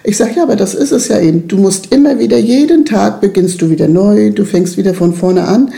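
In an interview conversation, a middle-aged children's club leader talks with earnest emphasis, frequently checking in with "ne?". She has a medium-pitched, gravelly, dark voice and speaks a little fast.

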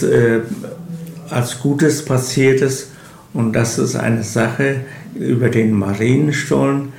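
An older retired man from eastern Germany telling of his work in an interview, haltingly, searching for words. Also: medium pitch, creaky, a little mellow, a little hiss or hum. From village in eastern Germany. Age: 60s or older, retired. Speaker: local village chronicler, interview guest. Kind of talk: unhurried interview storytelling. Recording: roomy, echoing interview recording.

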